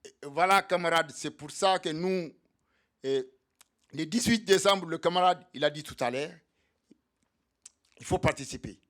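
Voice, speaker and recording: High-voiced man rallying comrades. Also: unhurried, long pauses, fairly bright tone. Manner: militant, repetitive rallying address to comrades. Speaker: activist speaker for undocumented migrants. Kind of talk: speech at a solidarity evening. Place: meeting hall.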